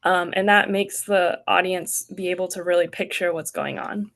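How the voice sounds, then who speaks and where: A woman's voice: lowish voice, flat delivery, moderate pace, a bit bright. A young woman leading an online writing workshop, explaining casually with many ums and likes over a video call.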